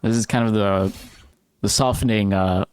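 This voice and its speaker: A man calling esports play-by-play, steady and running, with occasional fillers. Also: lowish voice, normal speed, clear, resonant tone. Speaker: play-by-play commentator.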